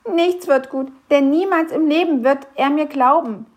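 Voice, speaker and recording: A woman's voice: high voice, unhurried, voice pushed up. A woman voicing a small, fretful male grump elf who stammers anxiously. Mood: worried.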